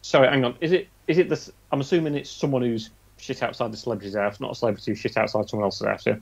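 A man's voice: mid-range voice, steady tone, racing, creaky. A man co-hosting a podcast in casual chat, hesitant and hedging. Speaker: podcast co-host. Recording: dull lo-fi audio.

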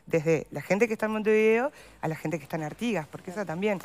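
Using voseo, a woman with a Uruguayan Spanish accent gives earnest, explanatory interview answers as an endometriosis patient advocate. Her voice sits on the low side, a little mellow, at a quick pace.

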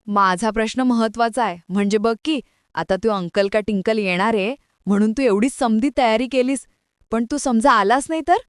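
A woman's voice: a little high, normal speed, smooth, no echo, clean studio sound, close to an everyday voice. Woman doing a sarcastic teasing man. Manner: needling, sarcastic.

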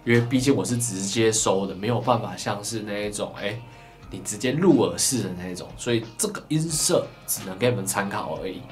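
A man with a Taiwanese Mandarin accent, hosting a casual gadget unboxing review, chatty and full of drawn-out particles, recorded on a camera microphone. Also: on the low side. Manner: chatty, lots of drawn-out sentence-final particles. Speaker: tech reviewer host. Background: background music.

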